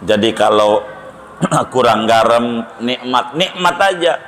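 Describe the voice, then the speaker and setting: Male preacher, joking sermon, slow unhurried delivery, faint background noise. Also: mid-range voice, animated, fairly bright tone. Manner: joking, storytelling, conversational. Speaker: Islamic preacher. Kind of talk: humorous sermon.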